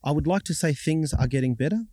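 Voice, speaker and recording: Aussie guy in his 30s, mellow dark voice, measured interview answers, very dry sound. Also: on the high side, dry recording. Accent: Australian. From Australia. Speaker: journalist and broadcaster.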